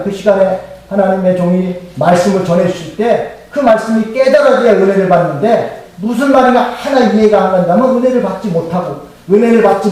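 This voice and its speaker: Recorded from far off in a very echoey church sanctuary, a male pastor delivers a sermon in which he keeps posing questions to the congregation and having them echo the answers back. He has a high voice with a dark tone.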